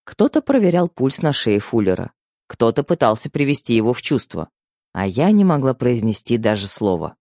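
A man narrating a novel in an expressive storytelling manner. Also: medium pitch, moderate pace, no room sound, clean studio sound. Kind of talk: audiobook narration.

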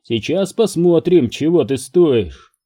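Gruff mocking sergeant, slow growl, put on by a dark-voiced reader. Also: male voice, on the high side, animated, voice pushed up. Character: gruff male British army sergeant, mocking.

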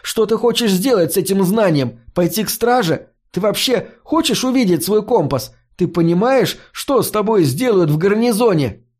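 A man's voice: a little high, lively intonation, a little slow, darkish tone, pitched above the performer's own voice. A man voicing an impatient, nervous teenage boy in an audiobook, his lines urgent and scolding. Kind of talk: audiobook character voice.

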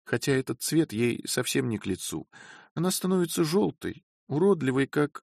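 A man's voice: mid-range voice, big pitch swings, moderate pace, creaky, dry recording, studio quality, voice pushed up. A man voicing a fiery, imperious young wife. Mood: coaxing. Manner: sharp, imperious scolding.

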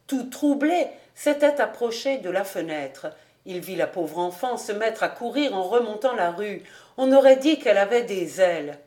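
A woman reading a classic novel aloud as an audiobook narrator, steady and clear. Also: medium pitch. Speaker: audiobook reader.

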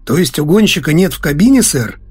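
A man's voice: sing-song, brisk, a little mellow, slightly rough, soft background music, heavily acted. A man voicing a dry, formal airport radio controller who speaks over the radio. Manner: dry, formal, drops low on each "sir". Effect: radio transmission.

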